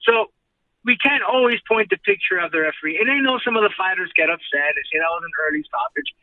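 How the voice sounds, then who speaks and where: Over a thin, phone-like line, a high-voiced man talks as a guest on a sports show. He explains his opinions earnestly and conversationally, sounding away from the mic. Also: lively intonation, fast, dry recording. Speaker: guest, ring announcer. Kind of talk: casual sports talk interview. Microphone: remote call. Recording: tinny, distant phone-like line.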